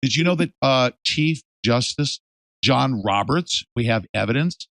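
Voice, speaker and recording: A male host in a casual interview, emphatic and animated, swinging from loud to hushed. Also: mid-range voice, measured pace, creaky, dry recording.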